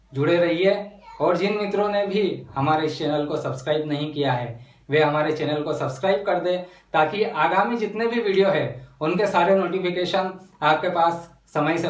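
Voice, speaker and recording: Man teaching slowly in an echoey room. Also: fairly high pitch, far from the mic. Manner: slow, spells out syllables while writing. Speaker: Hindi poetry teacher. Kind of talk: whiteboard lesson.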